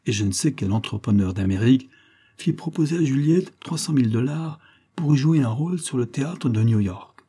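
A man narrating a classic serial story in a measured, dramatic reading. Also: medium pitch, mellow, breathy edge. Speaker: audiobook reader. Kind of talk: scripted narration of a serial novel.

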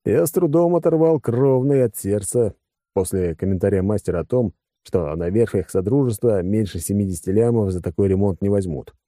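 A man's voice: on the low side, brisk, warm tone, no echo, studio quality. A man narrating a science-fiction audiobook in first person, in a wry, conversational way.

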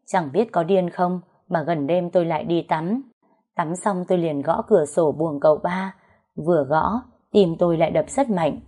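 A woman narrating a first-person story in a steady, plain way. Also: fairly low pitch.

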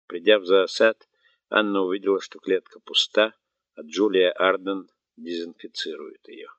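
A man narrating an audiobook in a steady, even reading. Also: sits low, normal speed, dry recording. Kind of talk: scripted narration. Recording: dry, dull, muffled recording.

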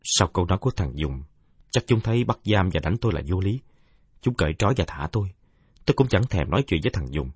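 A male storyteller with a low, husky voice, telling the tale in a measured, reflective way. His pitch moves freely and the recording is dry and close. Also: expressive, a little mellow, dry recording. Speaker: narrator. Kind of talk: audiobook narration.

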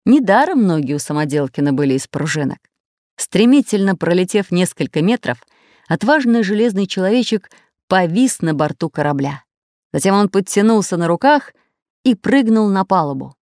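Woman reading a fairy tale, bouncy animated voice, dry recording. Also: lowish voice, moderate pace, no room sound. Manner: expressive storytelling. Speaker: narrator. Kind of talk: children's audiobook narration.

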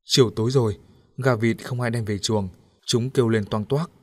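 A man narrating an audiobook story in a steady, even storytelling manner. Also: medium pitch, normal speed.

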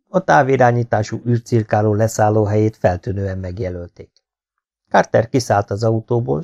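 Male audiobook reader, lowish gravelly voice, calm steady narration. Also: muffled recording.

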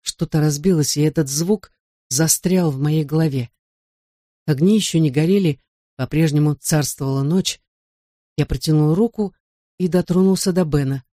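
A man reading a first-person audiobook in a measured, even storytelling manner. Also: on the high side, no room sound, studio quality. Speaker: audiobook narrator.

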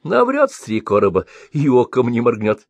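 A man's voice: medium pitch, huge pitch swings, normal speed, creaky, dry recording, heavily acted. A man voicing a fussy, scolding old village woman who chides and frets. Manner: scolding, fretful.

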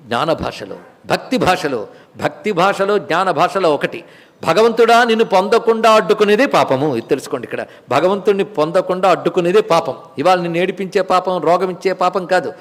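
This high-pitched man, a spiritual teacher, talks through scripture in a Bhagavad Gita discourse, and the recording has a large-room sound. To explain the verses, he keeps returning to key words and asks rhetorical questions.

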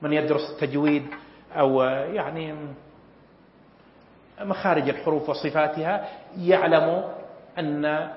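A man's voice: fairly high pitch, a little hiss or hum. Man lecturing in an echoey hall. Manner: measured, pausing often with fillers. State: clearing his throat often. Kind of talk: academic lecture. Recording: echoey hall, dull lo-fi sound.

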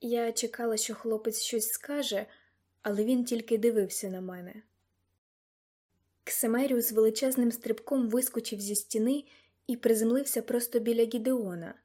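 A woman narrating a first-person audiobook in an even, measured way. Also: a little high.

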